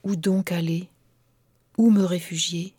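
A woman's voice: medium pitch, steady tone, normal speed, natural voice. A woman voicing a troubled young woman's anxious inner thoughts in an audiobook. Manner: soft, inward, anxious.

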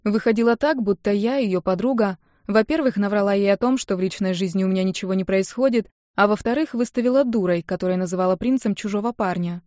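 A woman narrating an audiobook in the first person, lively and expressive. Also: mid-range voice, fast talker, few pauses, no room sound, studio quality. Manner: lively, indignant when quoting herself.

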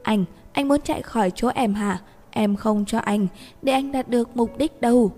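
A woman's voice: a little high, normal speed, darkish tone, natural voice. A woman voicing a drunk, stubborn young woman who talks in a clingy, bossy way. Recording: reverberant room with faint music.

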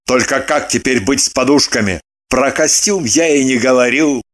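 A voice playing a fastidious, squeamish middle-aged husband in a storybook reading, snapping clipped, grudging retorts. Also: male voice, medium pitch, no echo, clean studio sound, natural voice. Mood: irritated. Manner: sharp, clipped retorts through gritted teeth.

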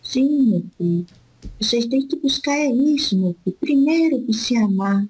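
In a spiritist session, a woman with a slightly high, animated, husky voice speaks as an elderly spirit guide, heard through a rough recording. She gives gentle fatherly counsel, calling the listener "my son" after nearly every phrase, and her advice is slow, repetitive, and soothing.

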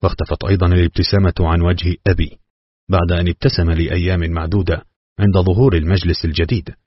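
A man reads a novel aloud in a steady, solemn way. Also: low voice, quick pace, slightly rough, no echo. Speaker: audiobook reader. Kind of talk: novel narration. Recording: dull, dry lo-fi recording.

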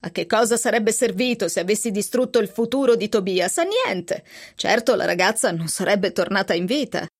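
A woman's voice: mid-range voice, animated, normal speed. A woman voicing an affable, self-satisfied older male judge in a radio novel reading. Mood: genial. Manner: genial, self-assured.

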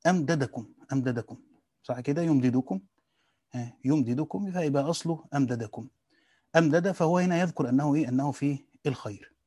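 Fast-talking Egyptian man teaching. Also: mid-range voice, warm tone, slightly rough, no echo, clean studio sound. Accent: Egyptian Arabic. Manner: asks rhetorical questions and answers them himself; mixes dialect with classical Arabic, rephrasing as he goes. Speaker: teacher reading and explaining a classical Quran commentary. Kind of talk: casual study lesson.

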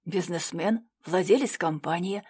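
Calm low-voiced policeman guy, as a woman reads him, unhurried and a bit teasing, audiobook. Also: slightly rough. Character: calm deep-voiced male police officer, adult.

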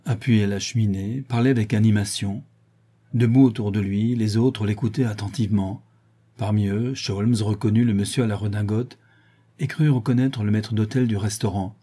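Casting: middle-aged male audiobook reader, low husky tone, measured classic-novel narration. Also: mellow. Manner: measured storytelling, lifting his voice for dialogue.

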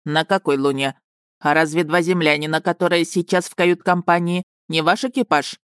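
A woman's voice: lowish voice, steady tone, normal speed, clean tone, no room sound, studio quality, natural voice. Woman voicing a proud robot starship. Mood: polite. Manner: matter-of-fact, courteous. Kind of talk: audiobook character reading.

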